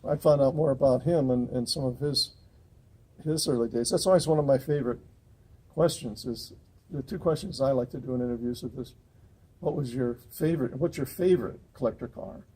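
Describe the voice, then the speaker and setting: A man's voice: medium pitch, brisk, mellow, husky. A man hosting a casual interview at an outdoor car show, rambling and restarting his sentences. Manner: rambling, many fillers and restarts.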